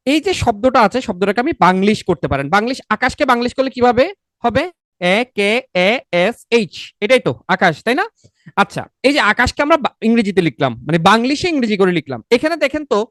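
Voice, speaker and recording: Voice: medium pitch, fairly bright tone, no room sound. Teacher, asks then answers own questions, repetitive, dry close sound. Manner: drills by asking questions and answering them itself; repetitive and coaxing, often adds a checking "okay?". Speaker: exam-prep teacher. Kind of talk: online exam-prep lecture.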